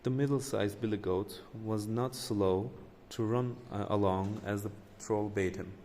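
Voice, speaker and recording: Man, storyteller, reading a folk tale, fairly low voice, slips and restarts. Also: steady tone, a little slow, dark tone, big-room sound, slight background noise.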